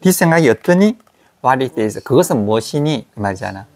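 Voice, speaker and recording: A man teaching an English grammar class, repeating English words slowly to model their sounds for students in a small classroom. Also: medium pitch, very animated, a little mellow.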